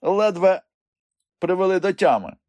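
A man voicing a gruff old mountain villager, an uncle who teases and scolds a young giant. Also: high-pitched, lively intonation, unhurried, darkish tone, no room sound, pitched above the performer's own voice. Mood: mocking. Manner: teasing, scolding.

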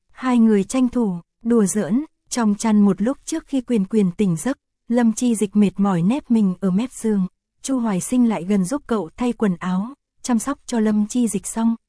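A woman narrating an audio story in a steady, even reading voice. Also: mid-range voice, normal speed, no room sound, studio quality.

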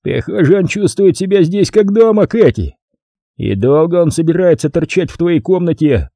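A hulking, jealous young man who growls and barks his accusations in an audiobook, as a male reader puts him on. The tone is raised and hostile, and the husky, dark voice sits in a dry, close recording. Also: on the high side, animated, normal speed, dry recording, voice pushed up. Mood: belligerent. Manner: growling, belligerent.

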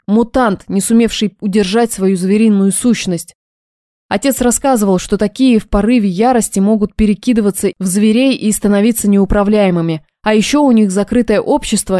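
A woman's voice: medium pitch, mellow, dry recording, clean studio sound. A woman reading a first-person novel as an audiobook narrator, telling it expressively.

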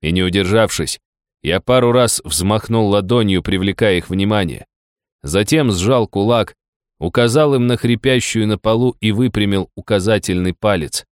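A man reads a first-person audiobook story in a low voice. His delivery is steady and even. The recording is dry and close, with no room sound. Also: normal speed, smooth, no room sound. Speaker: audiobook narrator. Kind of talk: scripted first-person narration.

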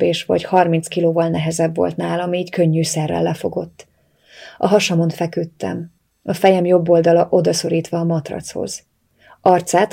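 A woman's voice: lowish voice, gravelly, warm tone, husky. A woman reading a first-person novel aloud as an audiobook narrator, in a tense, dramatic manner.

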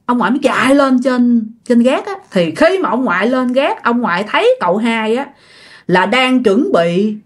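A woman recounting a ghost story in a chatty, casual manner. Her voice is high and very lively, rising and falling freely. She keeps turning to address her listeners directly. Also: normal speed.

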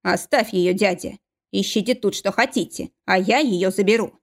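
A woman reading the part of a gentle young man, quiet and firm as he speaks. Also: medium pitch, moderate pace, natural voice.

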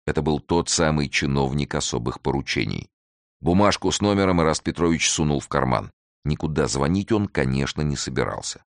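A man narrating a detective audiobook in a measured, even storytelling manner. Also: very deep voice, vocal fry, no echo, studio quality.

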